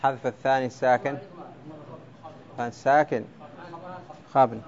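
A man's voice: medium pitch, steady tone, fairly quick, darkish tone, a little hiss or hum. A man teaching a class on Arabic prosody, explaining step by step and quizzing his students with questions. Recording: dull lo-fi classroom recording.

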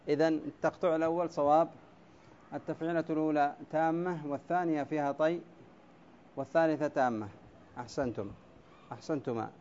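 Slightly high man teaching poetic meter. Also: a little mellow, lo-fi sound, slight background noise. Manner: stretches single words slowly, syllable by syllable; quizzes students by name, brief praise. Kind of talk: classroom lesson on poetic meter. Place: classroom with a blackboard.

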